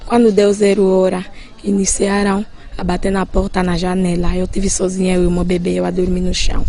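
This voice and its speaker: A woman with an Angolan Portuguese accent, giving an animated, emphatic spoken account of a night break-in. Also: brisk. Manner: animated, emphatic retelling with sudden rises in pitch and loudness. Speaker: eyewitness recounting a break-in.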